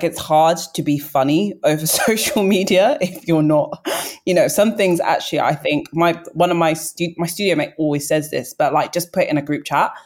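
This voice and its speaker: A woman's voice: low voice, darkish tone. A woman chatting conversationally in a discussion, with light laughs mid-sentence. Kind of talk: casual discussion.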